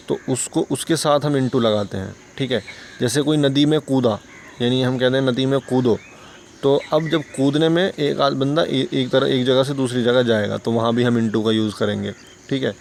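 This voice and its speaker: A man's voice: medium pitch, vocal fry, a little hiss or hum. A man teaching an English lesson for beginners, patiently explaining and answering his own questions.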